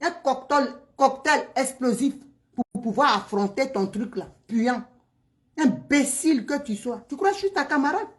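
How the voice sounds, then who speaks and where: High-voiced woman. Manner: mocking, insulting, swings from loud to hushed. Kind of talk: heated direct-to-camera rant.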